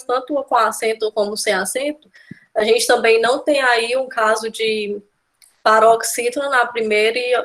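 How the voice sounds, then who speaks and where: A woman teaching Portuguese grammar for exam prep speaks with a Brazilian accent in a fairly high, fairly bright voice. Her explanations go step by step, peppered with "né?" and "tá?" to make sure students follow.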